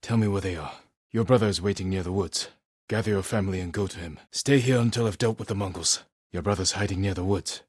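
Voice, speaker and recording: A deep, husky male voice voices a stern, honorable samurai warrior for video game lines, speaking in a measured, terse, commanding way. The adult character is dutiful and weary, with a stern, resolute mood. The recording is dry and clean, from a studio.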